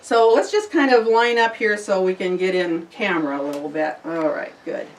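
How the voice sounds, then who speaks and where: A woman's voice: on the low side, normal speed. A woman leading a small group in a sound-healing workshop, explaining casually and then chanting vowel sounds and intoning invocations to the directions. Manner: informal, explains with fillers and restarts. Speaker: workshop leader. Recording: voice from far off the mic.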